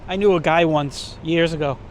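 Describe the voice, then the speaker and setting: A man from Brooklyn, New York, with a Brooklyn accent gives chatty, informal commentary while hosting a walking tour on city streets. His voice is a little high and steady at a normal speed, with street ambience, traffic, and vehicles in the background.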